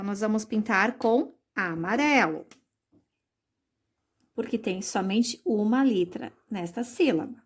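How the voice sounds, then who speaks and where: A woman teaching young children a recorded lesson, explaining slowly and patiently, with many diminutives. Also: on the high side. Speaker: primary school teacher.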